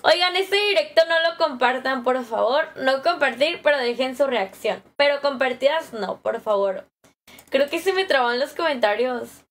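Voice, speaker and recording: High-voiced Mexican woman chatting on stream. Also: lively intonation, normal speed. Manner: chatty, greets viewers by name, laughs easily. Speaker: live streamer. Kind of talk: casual live-stream chat. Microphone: phone camera held close.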